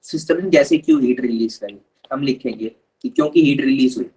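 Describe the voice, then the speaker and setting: A man's voice: medium pitch, brisk, a little mellow, husky, rough recording. A man teaching a live online chemistry lesson, patiently explaining step by step and calling his students kids.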